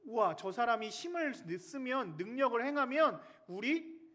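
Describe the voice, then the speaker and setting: A man voicing a frightened demon that fawns on its master, in high, agitated outbursts. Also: big pitch swings, measured pace, fairly bright tone, heavily acted. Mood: fearful. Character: a cowering, fawning demon in a possessed man.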